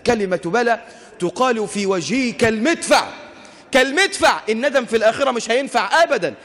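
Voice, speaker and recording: Brief: impassioned Egyptian preacher, man, very high voice, long echo of a hall. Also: expressive, fast talker. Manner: impassioned, rising to shouts, rhetorical questions. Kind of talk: sermon.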